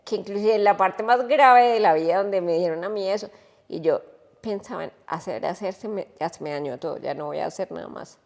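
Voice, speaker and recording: A woman, a podcast guest telling a personal story in an animated, emotional way. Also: medium pitch, brisk, in a large hall.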